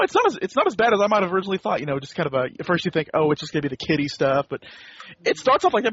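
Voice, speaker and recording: A man's voice: a little high, a bit bright. A man joking around in a casual group chat. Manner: rapid, joking. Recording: dry, dull lo-fi recording.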